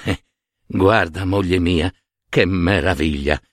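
A man voicing a poor, humble shoemaker in a storybook reading, in a low, musing, homely way. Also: takes it slowly, no room sound, clean studio sound.

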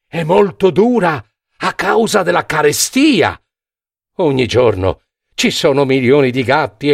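A man's voice: a little high, vocal fry, dry recording, clean studio sound. A man voicing a doubtful, insistent female mouse councillor in an impassioned, pleading manner.

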